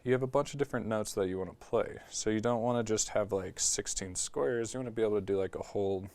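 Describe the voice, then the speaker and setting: A man's voice: on the low side, fast talker. A man casually walking through a music production tutorial in his studio, talking into a talkback mic with lots of "like" and "um". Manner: relaxed, filler-heavy explaining with frequent "like" and "um".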